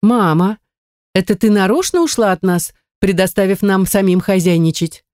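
A sensible teenage girl, the eldest of the sisters, voiced by a woman reader, speaking up in a slightly raised voice. The tone stays mellow. The recording is dry and close. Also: mid-range voice, normal speed, no echo, natural voice. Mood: weary questioning.

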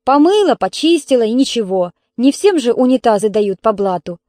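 A woman's voice: on the high side, big pitch swings, normal speed, warm tone, no room sound. A woman reading as a grumpy, complaining middle-aged mother who scolds her neighbors and children. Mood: grumbling. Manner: complaining, strict.

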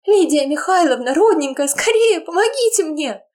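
A woman's voice: expressive, normal speed, darkish tone. Woman doing a shrieking, panicked young daughter. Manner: shrill, sobbing screams.

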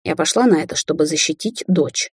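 Woman voicing a sulky low-voiced mother witch, husky, storybook read. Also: brisk, no echo, studio quality, exaggerated voice. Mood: grumbling. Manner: grumbling, defensive. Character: middle-aged woman sorceress, grumbling mother. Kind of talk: audiobook character voicing.

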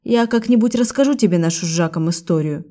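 A woman voicing a shaken, tearful young woman who speaks softly and earnestly. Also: on the low side, lively intonation, quick pace, natural voice.

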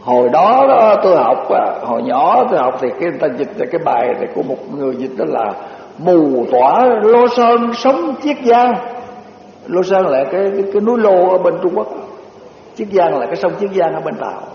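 Older monk giving a slow sermon. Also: male voice, expressive, gravelly. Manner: slow, storytelling, recites verses, chuckles. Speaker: Buddhist monk teacher. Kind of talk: dharma talk. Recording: echoey hall, dull low-fi recording with faint hiss.

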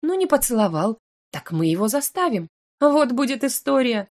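A woman reading the lines of a patient young elf girl who comforts her friend in a soft, coaxing way, in an audiobook. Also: a little high, big pitch swings, moderate pace, pitched above the performer's own voice. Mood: soothing. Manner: gentle, coaxing.

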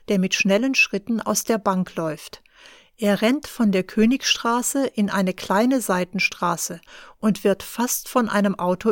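Frau, Hörbuch für Deutschlernende, sehr langsam, trockener Studioklang. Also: female voice, mid-range voice, no echo, studio quality. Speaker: audiobook narrator. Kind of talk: slow, clear reading for German learners.

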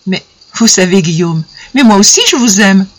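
A reader voicing a shy young woman in love, speaking in a breathless, halting way. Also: mid-range voice, lively intonation, lightly acted. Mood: wondering joy.

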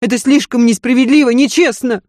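Brief: high shrill hysterical noblewoman, bitter and volatile, put on by a woman reader, dry close audiobook read. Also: a little fast, darkish tone, no echo, close to an everyday voice. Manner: shrill, screaming, sobbing outbursts.

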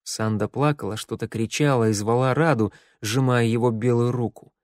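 A man reading a dark fantasy audiobook in a measured, dramatic narration. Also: medium pitch, fairly even intonation, no room sound, clean studio sound. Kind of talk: scripted narration.

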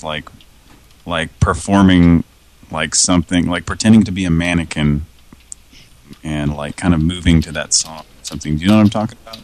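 A man chatting casually as a podcast co-host, rambling and hesitant with filler words. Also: no echo. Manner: rambling, hesitant, bursts into goofy high yelps. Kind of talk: casual chat.

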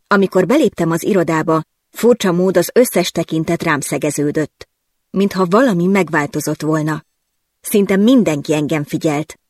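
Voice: mid-range voice, no room sound. Wry first-person audiobook narration, dry. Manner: lively, wry storytelling.

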